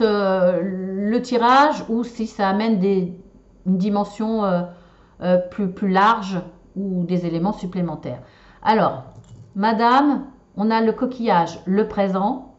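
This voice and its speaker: A woman giving a relationship card and shell reading to viewers, talking in a hesitant, casual way with many fillers and restarts. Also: medium pitch. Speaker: tarot and shell reader. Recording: slightly dull lo-fi sound.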